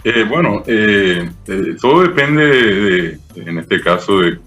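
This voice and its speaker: Un hombre de mediana edad con acento paraguayo, profesor invitado que explica con paciencia y muchos "eh" y "¿verdad?". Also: male voice, fairly low pitch, very animated, slow pace, fairly bright tone, soft background music. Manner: patient, didactic, many fillers "eh" and "¿verdad?". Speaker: Guaraní language professor, guest. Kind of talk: explanatory interview talk.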